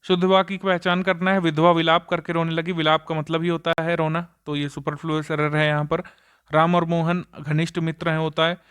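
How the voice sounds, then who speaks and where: Hindi-speaking male teacher, clear resonant voice. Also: on the high side, level tone, fairly quick, a bit bright. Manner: explains each option step by step. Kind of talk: exam answer walkthrough.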